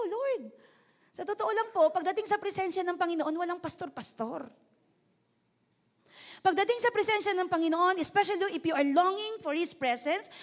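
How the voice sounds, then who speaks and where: A woman pastor from the Philippines preaching a lively sermon in church. She keeps calling out questions to the congregation, speaks politely, and switches between Tagalog and English. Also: very high voice. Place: church service.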